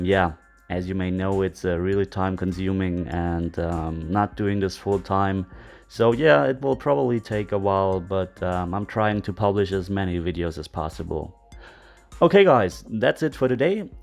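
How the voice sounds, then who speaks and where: A man from Bavaria with a German accent, a native German speaker giving casual, unscripted instructional commentary as a video host, pausing to find his words. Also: lowish voice, darkish tone. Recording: music behind the voice. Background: background music.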